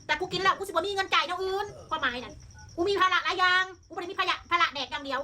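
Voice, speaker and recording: Rapid, bright Isan-accented woman. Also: very high-pitched, slight background noise. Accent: Isan Thai. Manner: blunt, coarse-spoken. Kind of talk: casual chat.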